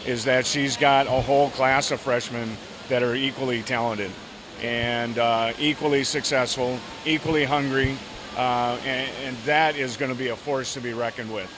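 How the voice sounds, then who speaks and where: Brief: middle-aged man, swim coach, hesitant with fillers, interview with clear background noise. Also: medium pitch, steady tone, normal speed. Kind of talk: interview sound bite.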